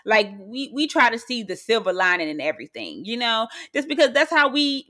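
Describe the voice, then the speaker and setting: A woman co-hosting a casual chat podcast, ranting in an animated way and repeating her phrases. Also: on the high side. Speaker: podcast co-host.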